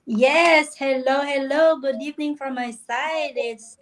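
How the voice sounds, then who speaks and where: Woman from the philippines, higher pitch, friendly greetings, live-stream co-host. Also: unhurried. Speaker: guest co-host.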